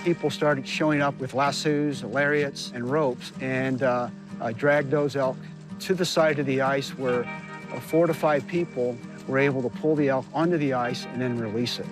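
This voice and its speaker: A man's voice: medium pitch, fairly even intonation, moderate pace. A man recalling an incident in an interview as one of the rescuers. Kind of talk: interview recollection. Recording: music laid under interview.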